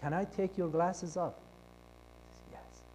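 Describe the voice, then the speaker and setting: Casting: man from Iran, high voice, telling his testimony, acting out the dialogue, loud one moment and hushed the next. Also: fairly even intonation, unhurried, slight background noise. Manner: acts out quoted dialogue, shifting between loud and hushed. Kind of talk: personal testimony storytelling. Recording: long reverb of a large hall.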